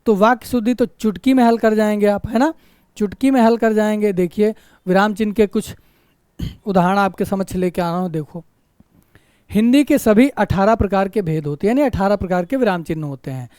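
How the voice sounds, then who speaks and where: A man with a fairly high voice teaches Hindi grammar in an exam-prep lecture. He poses question after question and answers each one, often adding a quick "right?" and repeating the main point. The sound is dry and close, with no room echo. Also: a little mellow, clean tone. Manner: asks rhetorical questions and answers them himself; keeps checking in with "right?".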